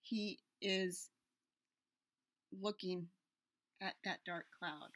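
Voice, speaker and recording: A woman's voice: on the low side, steady tone, extremely slow, a bit bright, no room sound. A woman in her forties telling a Bible story to children on a webcam from a small room at home, gesturing as she talks. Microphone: webcam at desk distance.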